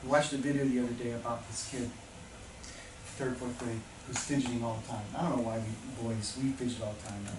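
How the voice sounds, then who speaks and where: A man's voice: mid-range voice, fairly even intonation, a little fast. A man giving a passionate motivational talk to new teachers, telling stories and building to emphatic peaks. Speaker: teacher orientation speaker. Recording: echoey room, speaker far from mic, noisy.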